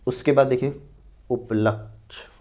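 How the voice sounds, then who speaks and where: A man's voice: mid-range voice, fairly even intonation, warm tone. A man teaching an exam-prep Hindi spelling lesson, repeating each word and explaining it step by step. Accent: North Indian Hindi. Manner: explains slowly, repeating each word and saying "dekhiye" and "theek hai".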